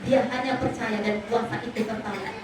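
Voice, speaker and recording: A woman pastor preaches with drama and acts out the people in her stories. Her voice is high. It rings through a big echoing hall, picked up from a distance with a faint hiss behind. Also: fairly even intonation, brisk. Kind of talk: Easter sermon. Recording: echoey hall, mic from far off.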